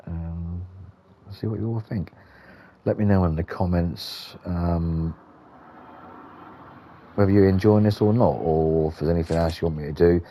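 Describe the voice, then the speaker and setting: A man's voice: deep voice, unhurried, pauses often, dark tone, slight background noise. A British man giving rambling, understated, casual gameplay commentary as the host of a gaming video.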